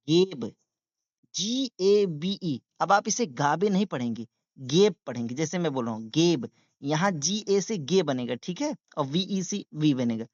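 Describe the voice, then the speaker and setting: A man's voice: high-pitched, no room sound, dull audio. A man teaching beginners to read, spelling each word letter by letter and translating it with patient, repetitive drilling. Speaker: English reading teacher. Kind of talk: beginner reading lesson.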